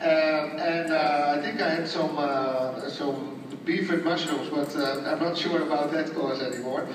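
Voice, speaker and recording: A man, an astronaut, answering students in a friendly, hesitant way with many pauses, heard over a space station radio downlink. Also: a little high, steady tone. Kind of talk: casual explanatory answers. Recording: echoey, distant, noisy radio link.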